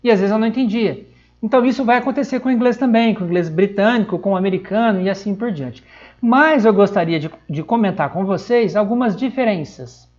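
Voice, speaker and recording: A man's voice: sits high, fairly quick, darkish tone, highs cut off. Chatty São man teaching online. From São Paulo, Brazil. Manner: chatty, checks in constantly with tag questions. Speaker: English teacher. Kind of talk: live-streamed online lesson.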